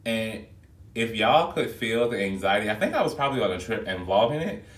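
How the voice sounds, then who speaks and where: A man's voice: on the low side, sing-song, a little fast. A man who works as a flight attendant, chatting casually and expressively to his viewers, recorded on a phone video. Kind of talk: casual vlog chat to viewers. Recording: echoey room, phone mic held back at a distance.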